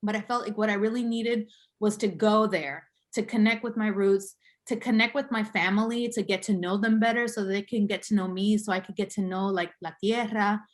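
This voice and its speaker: A woman from Boston in her thirties, appearing as an interview guest, shares her life story thoughtfully, with lots of fillers and small laughs. She talks at normal speed with few pauses, in a medium-pitched voice with fairly even intonation.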